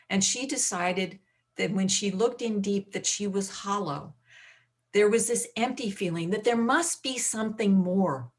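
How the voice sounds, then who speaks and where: Brisk chatty woman hosting a live chat. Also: mid-range voice. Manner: brisk, chatty, reads the guest's introduction. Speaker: host, interviewer. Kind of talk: live online interview. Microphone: video call.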